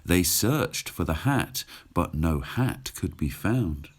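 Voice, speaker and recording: Guy reading a rhyming kids book out loud, real animated, takes his time. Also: deep voice, slow, husky. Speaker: storybook narrator. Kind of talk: expressive read-aloud of rhyming children's story.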